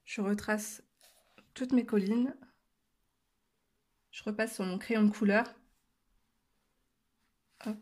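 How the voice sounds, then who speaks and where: A woman casually explaining a coloring technique step by step, talking to her viewers with frequent hesitant filler pauses and chatty asides. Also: mid-range voice, steady tone, darkish tone. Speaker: coloring tutorial creator.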